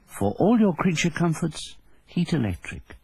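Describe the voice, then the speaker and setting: A man reading a scripted advert tagline as announcer in a husky, gravelly voice, on a low-bitrate old TV recording. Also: very animated, a little slow, warm tone.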